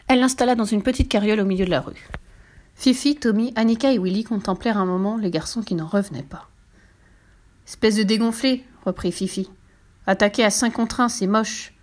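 A woman reading a children's storybook aloud in a lively, expressive way. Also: medium pitch.

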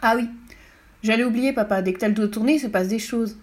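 A fearless little red-haired girl with a bright, cheeky, pushed-up voice and plenty of volume, as a woman reading the storybook puts her on. She sounds playful and sure of her own strength. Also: a little high, fast talker, close to an everyday voice. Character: bold cheerful little red-haired girl, super strong. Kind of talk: audiobook character voice.

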